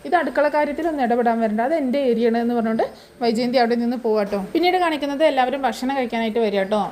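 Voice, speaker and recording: Woman recapping a TV serial episode, chatty and brisk, high voice. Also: a little mellow. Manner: chatty, tags quotes with colloquial asides. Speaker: serial review narrator. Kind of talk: casual retelling of a TV serial episode.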